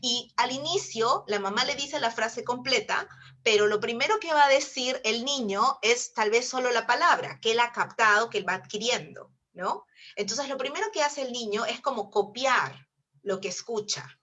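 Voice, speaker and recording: A Peruvian woman speaks to fellow teachers in an online webinar with a bright, forceful voice set a little high. She explains ideas step by step and keeps checking in with her listeners. The sound has the feel of a video call. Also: moderate pace. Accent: Peruvian Spanish. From Peru. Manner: explanatory, with frequent tag questions.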